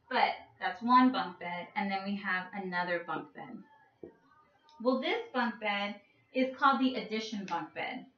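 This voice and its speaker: Playful woman teaching kids math. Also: high-pitched. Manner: playful, drawn-out, coaxing. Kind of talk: children's math lesson with a story. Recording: echoey room with a muffled sound.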